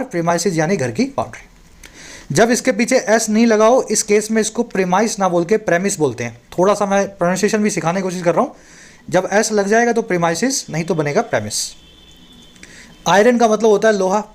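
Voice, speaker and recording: A man with a fairly high voice runs a bilingual newspaper reading lesson, explaining words and grammar in Hindi. He reads the lines slowly and carefully. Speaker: English tutor.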